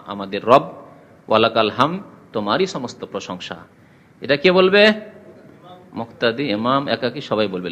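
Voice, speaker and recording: A man's voice: medium pitch, fairly bright tone, long reverb tail. A man teaching a religious lesson, asking the class questions and reciting Arabic. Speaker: Islamic teacher.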